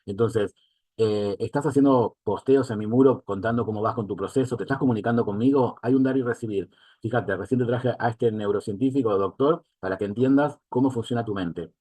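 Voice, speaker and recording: Speaking fairly quickly in a warm, lowish voice with no room sound, this Rioplatense-accented life coach leads an online mentoring lesson. Again and again he checks that the listener is with him and seeks their agreement.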